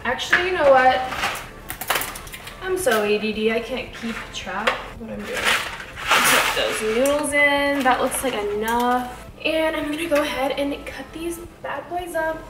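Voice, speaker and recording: With a high, slightly slow voice, a woman in her twenties vlogs casually from her indoor home kitchen as host of a cooking series. She's chatty and informal, addressing her pets with affection as she cooks. Background noise, room echo, and music are all audible.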